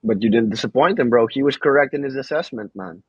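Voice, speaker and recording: A man's voice: mid-range voice, fast talker, slightly rough, no echo. A man hosting a podcast in a laid-back way, calling his guest bro and man. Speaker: podcast host. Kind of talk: casual interview chat. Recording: dull lo-fi, dry sound.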